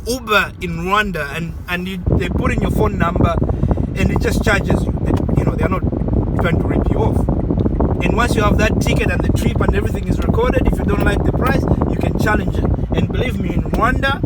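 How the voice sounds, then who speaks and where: A man's voice: high-pitched, normal speed, heavy background noise. A man from Zambia, giving casual advice in a rambling way and repeating words for emphasis.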